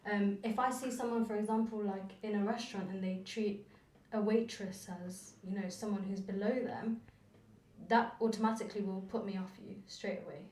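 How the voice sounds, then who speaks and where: A woman's voice: mid-range voice, fairly even intonation, normal speed, a little mellow. Woman chatting earnestly in a roomy space. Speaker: radio show guest. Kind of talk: casual chat, personal reflection. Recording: roomy, distant from mic.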